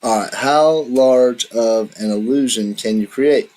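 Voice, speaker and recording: A man at mid pitch running a tabletop session as dungeon master. He lays out the rules patiently and easily, with plain casual phrasing. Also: a little slow, darkish tone, poor audio.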